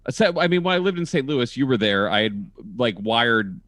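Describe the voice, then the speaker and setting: A man chatting over a video call about his comedy work, jumping up in pitch whenever he quotes people in his stories. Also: normal speed, no room sound, studio quality. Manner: animated storyteller with sudden pitch jumps when quoting people. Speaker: comedian and comedy label engineer. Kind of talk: casual video-call podcast chat. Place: home in a college town.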